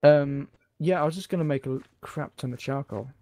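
A man's voice: fairly high pitch, brisk, warm tone, no room sound. A man hosting a casual gaming session, playful and chatty, who drifts into song and silly voices. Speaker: let's play host. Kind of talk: casual chat while gaming.

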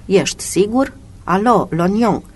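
A reader voicing a weary gruff police commissioner. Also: medium pitch, lively intonation, pitched above the performer's own voice. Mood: curt. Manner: curt, tired.

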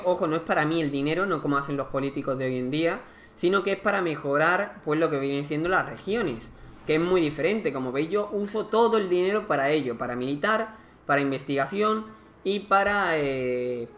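Man, gaming commentator; higher-pitched, chatty, thinks aloud. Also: fairly bright tone, a little hiss or hum. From Spain. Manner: chatty, thinking aloud, counting units and resources. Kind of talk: casual let's-play commentary.

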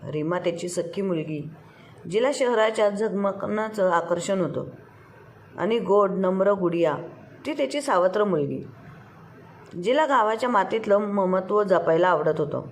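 A woman's voice: medium pitch, lively intonation, measured pace. Woman narrating a story.

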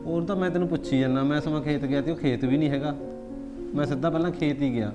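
A man plays a young Punjabi farmer son who rambles fast and matter-of-factly. The sound is muffled, with music under it. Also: fairly high pitch, natural voice. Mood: explaining.

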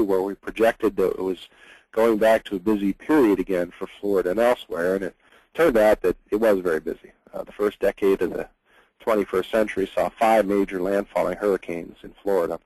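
Soft-spoken man presenting a science webinar. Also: low-pitched, no echo, rough recording. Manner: earnest, explanatory, with frequent fillers.

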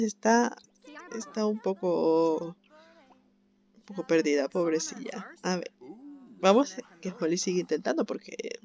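Woman doing casual game commentary, gravelly fry, dull lo-fi mic. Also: medium pitch, a little mellow. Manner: chatty, sympathetic, laughs often. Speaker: gameplay commentator. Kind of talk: casual let's-play commentary.

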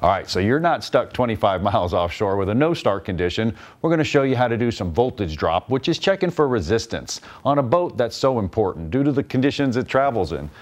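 A man's voice: fairly low pitch, very animated, a little fast, hardly any pauses. A man in his forties, a technician and instructor, giving a folksy, plain-spoken repair demonstration in a large workshop on a lapel mic. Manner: folksy, plain-spoken, explains while working.

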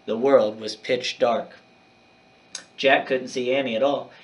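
Male teacher narrating a chapter book for young kids, mid-pitched, dramatic delivery, distant mic. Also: slow, dull audio. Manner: expressive, dramatic storytelling. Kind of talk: reading a chapter book aloud.

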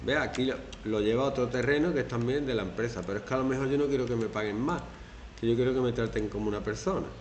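A man from Spain teaching a classroom lesson, animated and acting out quoted phrases in mocking voices. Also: mid-range voice, quick pace, reverberant, slight background noise.

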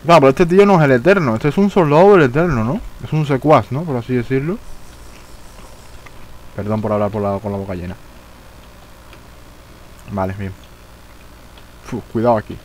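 A young man from streaming live gameplay, chatting casually, swearing and shouting when the game frustrates him. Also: medium pitch, moderate pace, long pauses, a little hiss or hum, low-quality recording.

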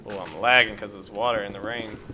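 Over some background noise, a man with a lowish, steady voice talks a little fast as he walks through building in Minecraft step by step. This video creator keeps it casual, upbeat and playful, tossing in small sound effects.

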